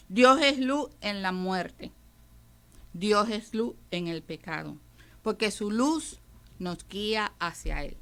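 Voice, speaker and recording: A fairly bright, mid-range voice belongs to a woman pastor from Puerto Rico with a Puerto Rican Spanish accent. She gives emphatic teaching on a radio devotional program, addressing listeners directly as "brother."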